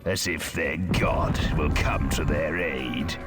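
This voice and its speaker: A gloating, menacing warlord with a very deep voice that drags each word out and swoops wildly up and down. Game music plays clearly behind him. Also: male voice, steady tone. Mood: sneering. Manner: slow, sneering, gloating.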